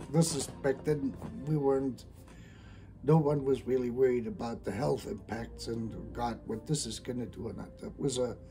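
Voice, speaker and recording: A middle-aged man from Germany, talking casually and hesitantly about his engineering background, with frequent pauses and restarts. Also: mid-range voice, mellow. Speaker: hardware engineer, channel host. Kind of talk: casual talk to camera.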